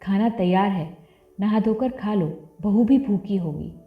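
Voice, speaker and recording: A woman's voice: medium pitch, unhurried, natural voice. A woman voicing a curt, scolding village aunt. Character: proud older village aunt, sharp-tongued. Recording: tinny phone-like audio, roomy, faint music.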